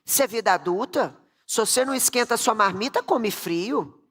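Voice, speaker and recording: A woman voicing her blunt, stern older father in an acted quote, speaking in a dry, matter-of-fact way with slow emphatic words. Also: a little high, animated, a bit bright, slightly rough. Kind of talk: acted quote within a motivational talk.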